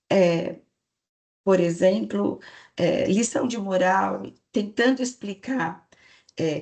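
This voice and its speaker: A woman giving a lecture to a live audience, explaining patiently and checking in with the listeners. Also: medium pitch. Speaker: speaker giving a parenting talk to staff.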